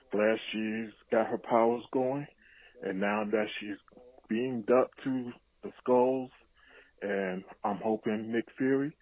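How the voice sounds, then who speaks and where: A man's voice: lowish voice, dry recording. A man leaving a casual, laid-back voicemail for a podcast, giving hyped reactions to a show. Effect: played voicemail over phone line. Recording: tinny, dry phone-line voicemail.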